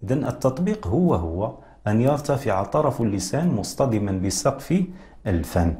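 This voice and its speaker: A man hosting a televised lesson on Quran recitation, explaining rules in a measured way and addressing viewers directly. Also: mid-range voice, big pitch swings, dark tone. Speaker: Quran recitation teacher, TV host.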